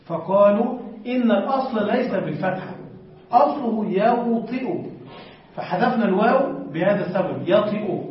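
Man lecturing a class, high voice, asks questions and answers them himself, far from the mic in a very echoey room. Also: animated, normal speed. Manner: poses questions to students and answers them, repeating word forms. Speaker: sheikh teaching Arabic morphology. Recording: very echoey, distant, dull lo-fi.

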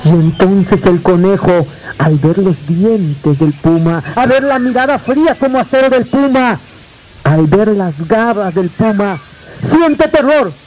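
High-voiced Mexican man telling a folk tale. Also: lively intonation, darkish tone, a little hiss or hum, rough recording. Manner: dramatic, drawn-out repetitions and joking asides to the audience. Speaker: storyteller. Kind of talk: live oral storytelling.

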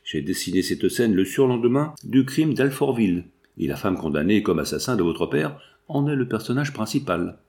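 A man voicing a calm, watchful male painter who explains things in a measured, deliberate way. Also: lowish voice.

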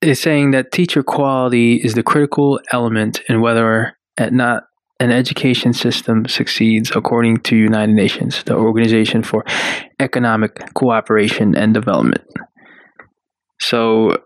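A man co-hosting a radio talk show in casual chat, reading article text aloud in a halting way with fillers. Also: mid-range voice, fairly even intonation, no room sound.

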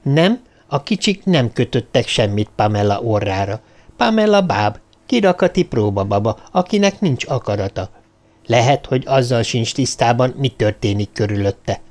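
A man's voice: mid-range voice, animated, darkish tone, lightly acted. A man doing a firm, resolute Englishman. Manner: firm, decisive.

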